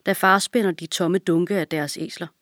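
A woman narrating a children's audiobook in a calm, even storytelling manner. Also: on the low side, no echo, studio quality.

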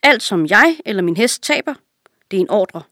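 A woman reading a children's story aloud, voicing a cruel, greedy, fat male king who barks orders in a raised, shrill voice. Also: sing-song, dry recording, clean studio sound, lightly acted. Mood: bossy. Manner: commanding, shrill when angry.

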